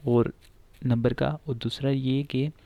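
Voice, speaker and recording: A man with a gravelly, middle-pitched voice teaches pronunciation. He explains patiently and says each word again and again, with many filler sounds. His voice is recorded dry, with no room sound. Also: fairly even intonation, slow, no room sound, muffled recording. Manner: frequent filler sounds and "theek hai".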